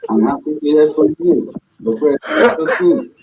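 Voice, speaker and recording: Slow-talking man in halting, broken English. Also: a little high, very animated, vocal fry, darkish tone, reverberant, slight background noise, low-quality recording. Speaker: phone scammer. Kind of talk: phone call.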